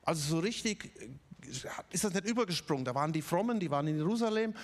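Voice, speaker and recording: A man's voice: fairly high pitch, animated, fast. A man from the Stuttgart region preaching a conversational sermon, with many fillers and little tag questions. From Ludwigsburg area, Germany.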